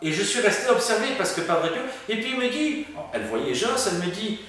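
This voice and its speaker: A man recounts a story with lively, theatrical delivery, slipping into the voices of the people he quotes and peppering it with fillers. His voice sits a bit high for a man. The recording sounds very echoey, picked up from some distance away. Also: a little fast. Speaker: medium telling ghost stories. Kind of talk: animated storytelling chat.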